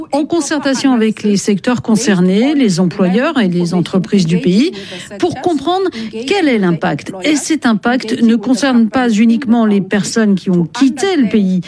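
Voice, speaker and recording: A woman speaking as a committee chair in a formal, deliberate statement. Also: fairly high pitch. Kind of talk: interpreted official statement.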